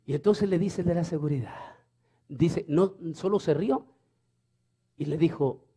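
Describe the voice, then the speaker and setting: A man's voice: on the high side, unhurried, warm tone, slightly rough. A man preaching a storytelling sermon, fervent and repeating phrases for emphasis.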